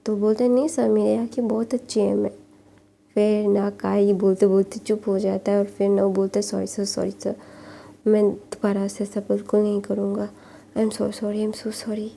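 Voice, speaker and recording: A woman casually retelling a fan fiction story, halting often with fillers and restarts, and speaking the characters' lines in nearly her own voice. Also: medium pitch, monotone, vocal fry, dark tone, a little hiss or hum.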